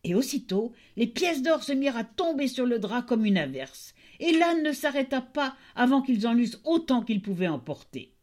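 A woman reading a fairy tale aloud in an expressive storytelling voice. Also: a little high, moderate pace, hardly any pauses.

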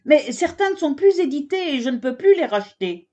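A woman's voice: medium pitch, lively intonation, measured pace, a little mellow, close to an everyday voice. A woman voicing a strict, exasperated female giraffe librarian in a children's storybook. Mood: stern. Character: stern proper giraffe librarian, female adult.

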